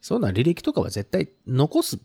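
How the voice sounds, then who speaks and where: A man's voice: mid-range voice, wildly swooping pitch, normal speed, gravelly, warm tone, breathy edge. Man who keeps chiming in agreement. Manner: constant agreeing backchannels. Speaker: podcast co-host. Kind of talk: casual chat.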